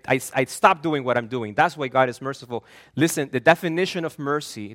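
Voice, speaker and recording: A man's voice: a little high, a bit bright. A man from Argentina, a pastor preaching an earnest, emphatic sermon that often repeats and restarts words.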